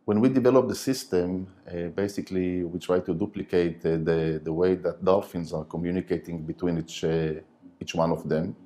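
A man in his forties, not a native English speaker, explaining technical matters haltingly in a studio interview on a lapel mic. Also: deep voice, fairly even intonation, warm tone. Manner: halting, hesitant phrasing. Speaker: interview guest, company director.

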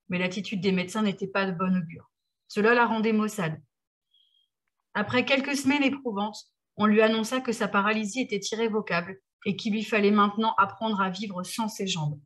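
A woman reading a passage from her own novel aloud in a steady, measured way. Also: mid-range voice.

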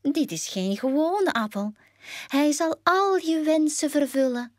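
A woman with a Flemish accent voicing a wicked old witch in a read-aloud storybook, coaxing in a drawn-out, shrill voice. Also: expressive, darkish tone, no room sound, clean studio sound. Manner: wheedling coaxing that turns to screeching threats. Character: cackling wicked old witch, female, scheming.

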